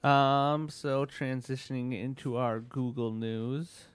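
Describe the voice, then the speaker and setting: A man's voice: medium pitch, level tone, takes it slowly, smooth. A man co-hosting a casual tech podcast who talks in a chatty, hedging way, full of "like" and "I guess.". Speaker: podcast co-host.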